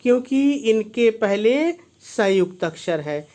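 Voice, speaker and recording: A man's voice: high voice, expressive, takes it slowly, a little mellow. A male teacher giving a video lesson, who asks himself why and then answers, repeating each key point. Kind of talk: classroom-style video lesson.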